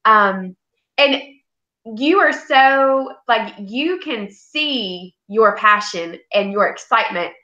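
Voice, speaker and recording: A woman's voice: fairly high pitch, lively intonation, slow pace, pushed and bright. A woman host chats casually and gushes with encouragement to her guest. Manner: gushing, effusive, encouraging. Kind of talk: casual interview chat. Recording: echoey, muffled room sound.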